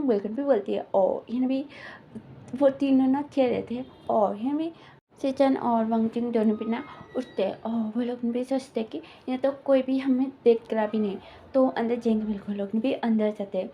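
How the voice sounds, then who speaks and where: A woman's voice: fairly high pitch, muffled recording, slight background noise. A woman casually retelling a fan story in a rambling, filler-heavy way, slipping into quoted lines.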